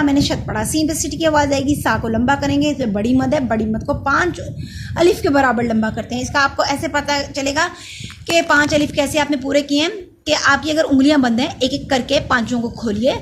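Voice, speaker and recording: A woman teaching Quran recitation rules step by step. She chants the verse words slowly and loudly, then explains each rule in a plainer, lower voice, and sometimes stops to correct herself. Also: noisy background. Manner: self-correcting, says sorry. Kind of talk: step-by-step tajweed lesson.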